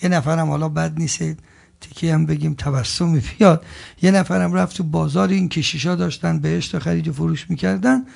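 A man preaching a sermon, swelling from quiet asides to loud emphatic peaks, chanting scripture slowly and joking with the audience. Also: fairly high pitch, steady tone, vocal fry. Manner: jokes with the audience between points.

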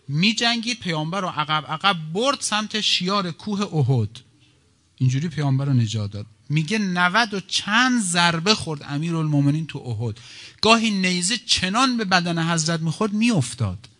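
A man's voice: on the high side, animated, sharp tone. Man preaching a wailing lament. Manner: swings from fast telling to slow, wailing lament. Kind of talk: sermon with mourning recitation.

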